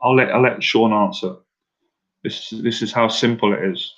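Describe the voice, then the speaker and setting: A dating confidence coach with a fairly low, slightly bright voice speaks at normal speed with fairly even intonation over dull audio. He coaches live-stream viewers about talking to women in a casual, direct way, repeating himself and asking for answers in the chat.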